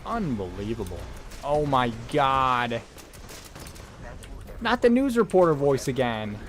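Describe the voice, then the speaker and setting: A man's voice: medium pitch, sing-song, slow pace, a little hiss or hum. A man streaming a game live, rambling casually and reacting to his chat with loose jokes. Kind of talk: casual live gameplay commentary.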